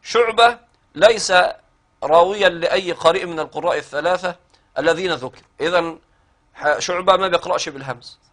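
An Egyptian-accented man teaches a recitation class with a somewhat high-pitched voice. He works through the rules step by step and stretches out the verse lines he chants. He stops now and then to quiz a student. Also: brisk, pauses often, fairly bright tone. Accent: Egyptian Arabic. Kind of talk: classroom explanation.

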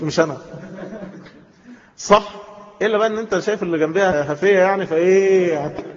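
Egyptian Arabic preacher, man, emphatic and drawn-out, fairly high, dull lo-fi hall recording. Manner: emphatic, drawn-out phrases with sudden swells in pitch. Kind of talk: sermon. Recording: dull lo-fi sound with long hall reverb.

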